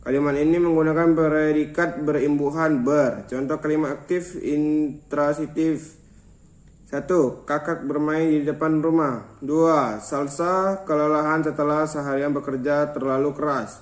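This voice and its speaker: A man's voice: a little high, fairly even intonation, a little slow, echoey room, rough recording. A young man reading a grammar lesson aloud from notes, listing points by number and now and then stumbling and restarting a word.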